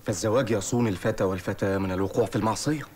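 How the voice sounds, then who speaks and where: An actor with an Egyptian accent playing an earnest young student leader who preaches in formal phrasing. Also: male voice, lowish voice, very fast, a little mellow, natural voice. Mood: preachy. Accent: Egyptian Arabic. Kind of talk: comic film acting.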